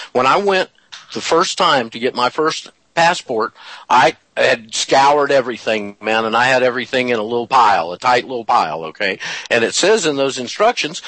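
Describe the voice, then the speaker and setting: A man's voice: medium pitch, a bit bright, dry recording, poor audio. A man as an interview guest, telling a story in an emphatic, folksy way and drawing out his phrases. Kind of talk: animated storytelling in conversation.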